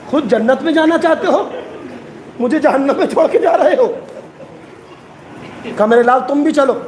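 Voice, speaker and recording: A man delivers a mourning sermon in a strikingly high voice, half chanting and half sobbing as he rises to wails. The sound is roomy and echoing, with a faint hiss of noise behind it. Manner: emotional recitation with sobbing, rising to wails. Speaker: preacher at a mourning gathering. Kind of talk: chanted Muharram elegy sermon. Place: mourning gathering hall. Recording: echoey hall with faint noise.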